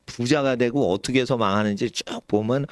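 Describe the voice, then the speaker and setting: A middle-aged man preaching a sermon as pastor, animated, sometimes shouting and sometimes dropping his voice low. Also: fairly quick, no room sound. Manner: animated, suddenly shouts or drops low, acts out quoted elders. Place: church sanctuary.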